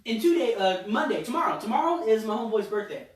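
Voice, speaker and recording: A man's voice: high-pitched, fast talker. A man in his twenties, a podcast co-host telling a story in casual chat, acting out what others said. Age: 20s. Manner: animated storyteller, acts out quotes. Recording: echoey room, far from mic.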